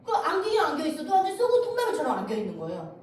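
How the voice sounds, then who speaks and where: A woman from North Korea giving a church testimony, telling her story in a lively way and acting out the voices she quotes. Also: extremely high pitch, very fast. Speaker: guest speaker giving testimony. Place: church sanctuary. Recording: echoey church hall, distant mic, faint noise.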